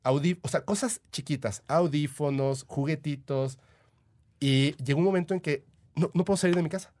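A man's voice: fairly high pitch, moderate pace, a little mellow. Chatty Mexican man telling stories. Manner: chatty, eager, full of "o sea" and "este" fillers. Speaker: podcast guest, paranormal podcaster. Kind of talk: casual storytelling.

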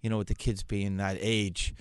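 Food truck owner, middle-aged male, Long Island accent, lowish pitch, casual guest delivery, dry sound. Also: flat delivery, normal speed, clean tone, no room sound. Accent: Long Island, New York. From Long Island, New York. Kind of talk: casual interview answers.

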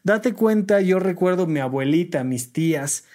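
A man with a Mexican accent, a doctor giving advice in an expressive, conversational way. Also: high voice, unhurried. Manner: conversational and expressive, acts out talking to children. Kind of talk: casual advice talk.

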